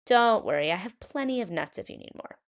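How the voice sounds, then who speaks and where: A woman's voice: mid-range voice, expressive, fairly quick, natural voice. A woman voicing a cheerful, fussing ninety-seven-year-old grandmother in a storybook read-aloud. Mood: chatty, fussing. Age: older.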